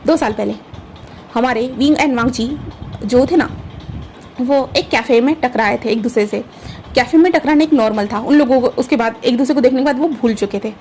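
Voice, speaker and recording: A woman's voice: a little high, normal speed, darkish tone, a little hiss or hum. A woman narrating a fan fiction story in a chatty, casual way, often addressing her listeners as "bhai".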